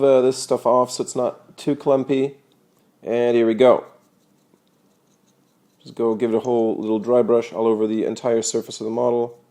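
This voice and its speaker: A young man giving a casual hobby painting tutorial, talking loosely with lots of "uh" and "you know". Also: mid-range voice. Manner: relaxed, many fillers like uh and you know. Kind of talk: casual how-to demonstration.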